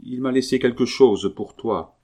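A man reading aloud voices a gentle young woman who soothes and coaxes her sick friend. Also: medium pitch, moderate pace, voice pushed up, close to an everyday voice. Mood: soothing. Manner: soothing, coaxing.

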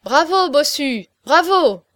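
A crowd of rowdy male traders hollering and jeering all at once , put on by a woman reader. The calls come loud and pitched up, in a dry, close storybook recording. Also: brisk, no room sound, natural voice. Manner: calling out, shouting together.

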